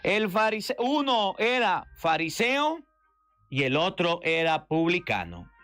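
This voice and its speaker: High-voiced preaching priest, faint music. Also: male voice, takes it slowly. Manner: lively preaching, acts out whining prayers in a raised voice. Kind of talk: radio sermon on the gospel.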